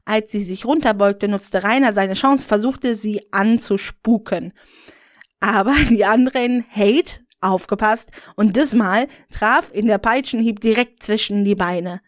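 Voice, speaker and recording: A woman reads a story in an amateur, unhurried way. Her delivery is slow and flat. The recording is dry and close, with no room around it. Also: medium pitch, no echo. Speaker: story reader.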